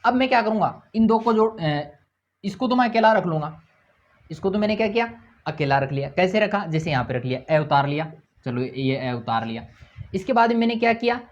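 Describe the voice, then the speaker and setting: A male teacher giving a grammar lesson for exam students, asking questions and answering them himself, repeating key points and spelling out sounds slowly. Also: sits high, expressive. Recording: dull lo-fi recording.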